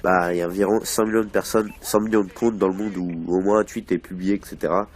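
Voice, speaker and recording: Deep-voiced man rambling over gameplay. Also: fairly even intonation, fast. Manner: rambling with many fillers and repeats. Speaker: gaming channel host. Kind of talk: casual commentary over gameplay.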